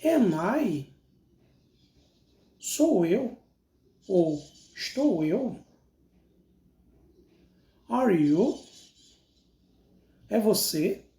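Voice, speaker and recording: Slow, mellow Brazilian English teacher. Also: medium pitch. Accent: Brazilian Portuguese. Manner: deliberate, repeats each example and its translation. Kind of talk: slow recorded language lesson. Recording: roomy, echoey recording.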